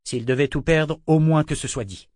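A man narrating a novel in a measured, even storytelling voice. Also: fairly high pitch, no room sound, studio quality. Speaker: audiobook narrator. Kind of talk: scripted narration.

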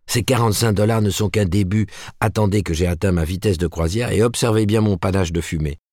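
A deep-voiced man plays an eager young writer from a storybook, lively and boastful about his prospects. The tone is low and close, with a dry, intimate sound. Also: normal speed, slightly rough, no echo. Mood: excited.

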